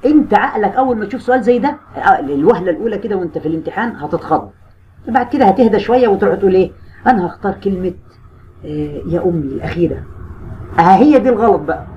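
A man with an Egyptian Arabic accent teaching a high school grammar lesson online, slowing down to stretch key words and talking straight to his students in a teasing, coaxing way. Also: lively intonation, darkish tone, muffled recording, a little hiss or hum.

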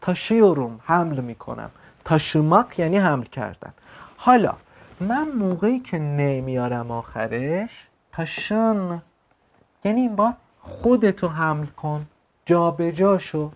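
A man teaching an online language lesson, explaining words slowly and checking in with quick questions. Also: fairly high pitch, sing-song. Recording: slightly dull lo-fi sound.

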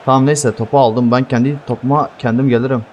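A man commentating his own football video game match, excitable and swearing at teammates. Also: medium pitch, fast talker, muffled recording, slight background noise. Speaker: gaming YouTuber playing football career mode. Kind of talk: live gameplay commentary.

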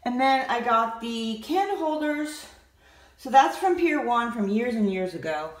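A woman's voice: on the high side, animated, unhurried, background noise. A woman giving a casual, rambling walkthrough of her bathroom while filming it on a handheld phone, with many fillers. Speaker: home cleaning vlogger. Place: home bathroom, indoors. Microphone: handheld phone camera. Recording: echoey tiled bathroom.

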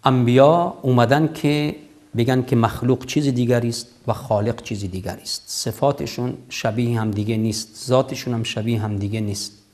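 A man in his fifties answers as the host of a religious call-in program. His pitch is average for a man. He teaches emphatically, stacking repeated phrases, recorded on a lapel mic in a studio. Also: fairly even intonation, a little mellow. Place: TV studio, seated at desk.

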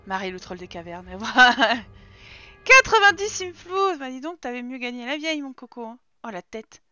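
A woman's voice: fairly high pitch, big pitch swings, moderate pace, pushed and bright. A woman giving casual, swear-filled commentary while playing a life-sim game live, talking to her characters. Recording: dull lo-fi stream audio.

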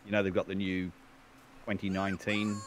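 A man's voice: deep voice, completely flat delivery, fairly quick, a little hiss or hum. A man chatting casually on a hunting game stream, talking in a tentative, thinking-aloud way. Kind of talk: casual gaming chat.

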